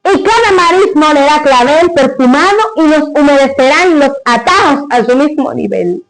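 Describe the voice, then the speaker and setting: High-pitched woman declaiming poetry grandly. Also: expressive, moderate pace, poor audio. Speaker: poetry reciter.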